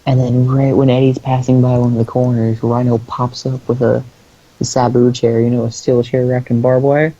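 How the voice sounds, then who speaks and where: A man's voice: mid-range voice, little pitch movement, normal speed, mellow, dry recording. A man co-hosting a podcast, recapping in casual comedic chat, rambling with crude jokes and lots of fillers. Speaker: podcast co-host. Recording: dull lo-fi sound.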